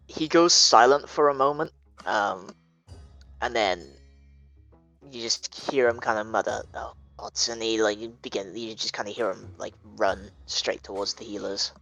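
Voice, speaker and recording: A man's voice: medium pitch, fairly bright tone. A man narrating a tabletop game as dungeon master, hesitant and full of fillers.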